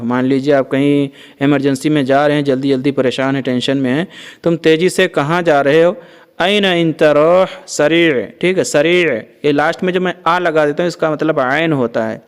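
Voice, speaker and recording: A man teaching everyday phrases in a casual spoken lesson, saying each one slowly and repeating it before explaining. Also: a little high. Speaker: Arabic teacher.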